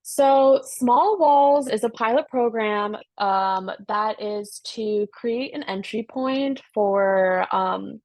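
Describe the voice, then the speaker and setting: A woman's voice: a little high, slow, few pauses, darkish tone, dry recording. A woman, a project manager, presenting a program over a video call in an easygoing way with many fillers.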